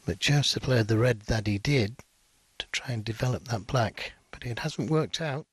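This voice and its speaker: Hushed, husky male snooker commentator. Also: medium pitch, no echo. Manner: measured, analytical, understated.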